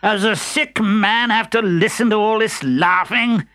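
A man voicing a grumpy old miser who claims to be sick, whining and complaining in a raised pitch. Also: big pitch swings, slow, bright, forceful tone, no echo, studio quality, exaggerated voice. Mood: indignant. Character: grumbling old male miser, hypochondriac.

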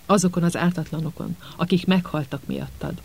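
A man's voice: a little high, steady tone, gravelly, breathy edge. A man voicing a furious, vengeful grown male wizard who hisses his words. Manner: hissing, seething.

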